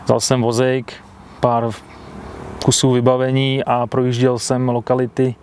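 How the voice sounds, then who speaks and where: Interviewed outdoors beside a lake, this angler in his thirties speaks from his fishing bivvy into a clip-on mic, keeping his answers plain and matter-of-fact. His medium-pitched voice is monotone and a little mellow, with slight background noise.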